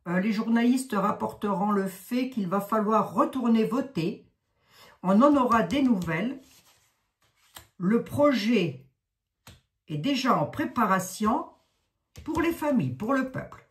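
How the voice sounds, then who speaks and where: A woman in her sixties with a Lorraine accent, reading oracle cards in a rambling, chatty way full of asides and fillers. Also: medium pitch. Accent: Lorraine French. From Lorraine, France. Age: 60s. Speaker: card reader, psychic. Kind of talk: casual oracle card reading.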